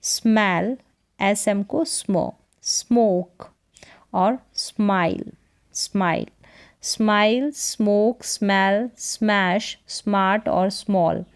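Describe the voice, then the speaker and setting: A woman's voice: medium pitch, extremely slow, clear, resonant tone. A woman teaching English reading, sounding out words syllable by syllable and asking and answering her own questions. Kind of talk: slow phonics lesson.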